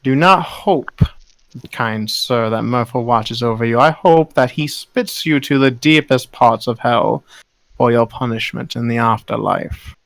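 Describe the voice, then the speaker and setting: A man voicing a pompous high priest who proclaims slowly to a crowd. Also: creaky, fairly bright tone, no room sound. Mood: booming, gloating. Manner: grandiose, slow proclaiming.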